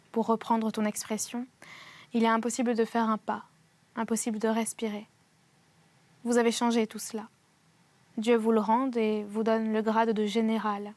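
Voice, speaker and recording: Woman reader voicing sardonic old gentleman, deliberate, dry close sound. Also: on the high side, no echo, lightly acted. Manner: mocking, deliberate, pronounces words with care. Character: aristocratic older man, haughty and ironic.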